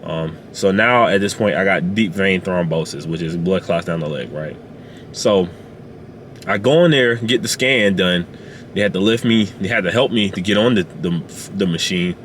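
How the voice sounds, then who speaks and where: A man sharing a personal testimony in a car, speaking haltingly with many fillers and restarts. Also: sits low, a bit bright, a little hiss or hum. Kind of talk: emotional personal storytelling. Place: inside a parked car.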